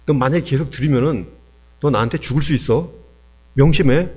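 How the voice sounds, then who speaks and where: A man's voice: a little high, sing-song, normal speed, a little mellow. A man voicing an angry older brother who bullies and threatens his younger sibling. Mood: threatening. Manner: scolding, threatening, blunt.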